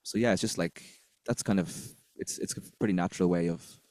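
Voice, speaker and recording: A man with a west of Ireland accent chatting casually in an interview as a band member, in a rambling, halting way. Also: low-pitched, a little mellow, no echo. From Galway, west of Ireland.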